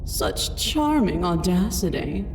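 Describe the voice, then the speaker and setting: A towering giant princess speaks in a booming, magically amplified voice that rolls through a vast hall with a long reverb tail. Her tone is dark and low, each imperious word drawn out slowly, with game music underneath. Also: big pitch swings. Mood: amused. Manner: imperious, slow, commanding. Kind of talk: video game voice acting.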